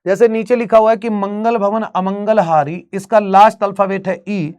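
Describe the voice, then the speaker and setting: Man, Bihari accent, high-pitched, exam-prep teacher, step-by-step explaining. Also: steady tone, moderate pace, a little mellow, clean tone. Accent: Bihari Hindi. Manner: explains step by step, asks students rhetorical questions. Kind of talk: exam-prep grammar lesson.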